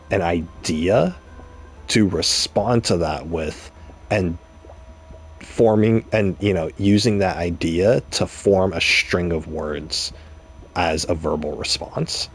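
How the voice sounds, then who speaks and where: A man's voice: low-pitched, takes it slowly, faint music behind. A young man streaming a game, talking casually and rambling through an explanation with examples and restarts. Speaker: gaming streamer. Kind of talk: casual commentary while gaming.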